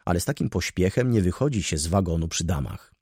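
A man's voice: low voice, expressive, fast talker, darkish tone, husky, no room sound, studio quality, exaggerated voice. A man reading an audiobook voices a flippant young society man in a mocking, offhand tone.

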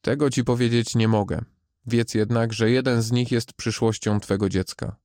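A man reading the part of Death, a stern calm gardener of souls, in a grave measured voice. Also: medium pitch, no room sound, clean studio sound, close to an everyday voice.

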